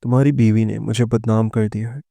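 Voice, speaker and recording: A man voicing a scheming older sister who makes angry threats, in a low, flat, gravelly voice. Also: dry recording. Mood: furious.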